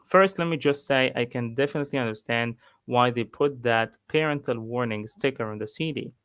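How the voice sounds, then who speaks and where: A man with an Egyptian accent, an English teacher reading a book aloud and pausing to explain words. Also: mid-range voice, fairly bright tone, clean tone, no room sound. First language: Arabic. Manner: slow, pausing to explain vocabulary.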